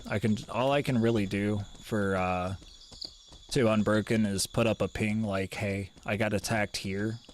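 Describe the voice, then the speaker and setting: A man's voice: on the low side, a little hiss or hum. A man streaming a game live, talking in a laid-back, rambling way and swearing casually.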